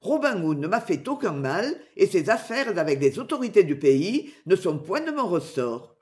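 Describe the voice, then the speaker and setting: A reader voicing a calm, shrewd male innkeeper in an audiobook. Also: mid-range voice, moderate pace, natural voice. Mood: cool. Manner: cool, dry, unruffled. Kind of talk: audiobook character voice.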